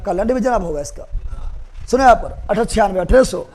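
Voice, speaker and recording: High-voiced man drilling a history class. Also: expressive, fast talker, a little mellow. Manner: drills facts by repetition, quizzes students. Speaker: teacher.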